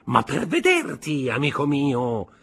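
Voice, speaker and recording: A man's voice: medium pitch, wildly swooping pitch, slow pace, gravelly, a bit bright, breathy edge, faint music behind, voice pushed up, exaggerated voice. A man reading aloud, voicing a greedy, wheedling old male schemer who stammers and repeats his words.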